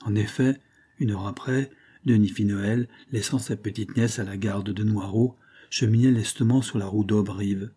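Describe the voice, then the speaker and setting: A man narrates a classic novel in a steady, measured reading. His voice is low and dark, with a husky edge. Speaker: audiobook narrator. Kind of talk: scripted narration.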